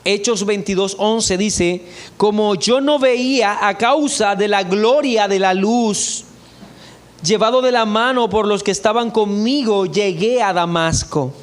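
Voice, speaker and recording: A pastor with a notably high voice for a man delivers a church sermon. He works through scripture in a steady, measured preaching style and reads the verses aloud.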